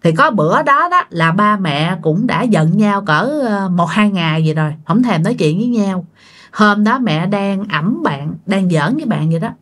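A woman's voice: medium pitch, lively intonation, normal speed, a bit bright. A woman telling a ghost story in a chatty way, addressing her listeners directly. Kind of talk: spoken ghost-story narration.

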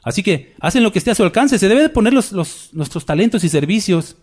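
Emphatic preaching pastor. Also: male voice, high-pitched, lively intonation, quick pace, a little mellow. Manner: preaching with emphatic repetition and rhetorical questions. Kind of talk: sermon. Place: church.

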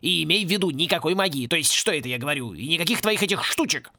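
Man doing a gruff, grumbling caretaker. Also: on the high side, expressive, fast talker, sharp tone, no echo, full character voice. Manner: grumbling, bossy. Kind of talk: audiobook character voice.

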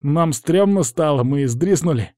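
A cowardly young street thug, whining in a raised, pleading voice, as a male reader does him. His tone stays dark and the sound dry. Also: animated, normal speed, dry recording, lightly acted. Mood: nervous. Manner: whining, high-pitched, pleading.

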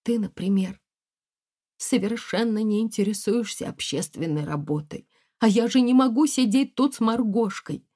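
A woman's voice: medium pitch, expressive, moderate pace, warm tone, pitched above the performer's own voice, natural voice. A woman doing a tearful, hurt young wife. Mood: reproachful. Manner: tearful, stammering.

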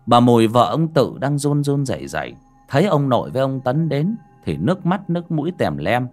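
A man narrating a village ghost story in a dramatic, expressive manner. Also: medium pitch, a little fast, soft background music.

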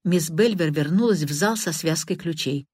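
A woman narrating a novel with an even, measured delivery. Her voice is on the low side, and the recording is close and dry with no room sound. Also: slightly rough, dry recording. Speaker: audiobook narrator. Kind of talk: scripted narration.

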